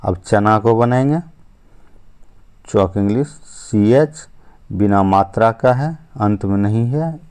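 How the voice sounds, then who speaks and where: A man's voice: on the low side, darkish tone, clear, resonant tone. A man teaching a step-by-step spelling lesson, explaining patiently and repeating himself. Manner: slow, patient explaining with frequent "ठीक है" and "अब जो है". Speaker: English teacher.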